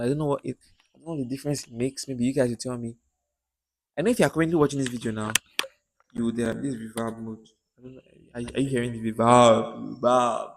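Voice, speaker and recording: A young man with a Nigerian accent rambling casually to his own camera, repeating himself and often trailing off quietly. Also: mid-range voice, no echo, low-quality recording. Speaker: content creator. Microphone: own handheld mic, noise reduction mode.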